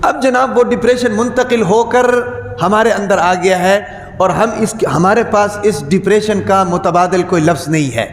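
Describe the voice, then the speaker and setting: Man preaching a Friday sermon, high voice, rhetorical questions, repeats words for emphasis, echoey hall with long reverb. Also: a little hiss or hum.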